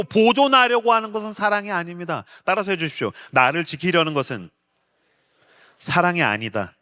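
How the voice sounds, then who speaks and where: Animated pastor preaching with big swings. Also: male voice, no echo, studio quality. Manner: animated, acts out quoted voices loudly, then drops low and earnest. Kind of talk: sermon. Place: large stage at a youth worship event.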